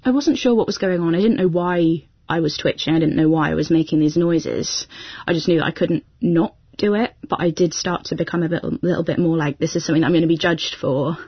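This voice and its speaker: A woman's voice: low voice, a little fast, slightly rough, no room sound. A young woman speaking as an interview guest, telling her experience in a reflective, plain-spoken way. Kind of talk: personal account in an interview. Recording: dry, dull-sounding recording.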